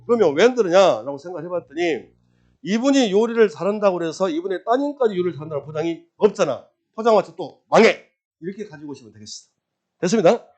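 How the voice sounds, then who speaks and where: A middle-aged man lecturing on property registration law, quizzing his class with rapid questions and answering them himself. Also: high-pitched. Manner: lively, quizzing, drills with repeated questions and answers. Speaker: real estate law exam lecturer.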